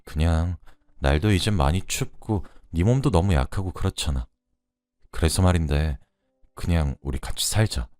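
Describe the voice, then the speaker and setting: A man doing a gruff, blunt older brother figure. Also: deep voice, very animated, normal speed, a little mellow, dry recording, studio quality. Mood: gruff tender. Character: gruff, taciturn middle-aged man, tenderly blunt.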